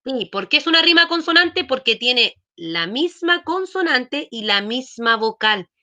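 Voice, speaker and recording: Bright-voiced woman teaching class. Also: high voice, sing-song, measured pace. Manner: explains patiently, checks in often with questions. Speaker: schoolteacher. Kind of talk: online class lesson.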